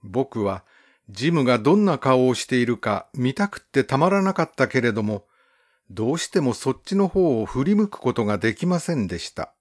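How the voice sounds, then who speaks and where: Lively-pitched male storybook narrator. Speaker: audiobook narrator. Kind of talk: calm literary storybook narration.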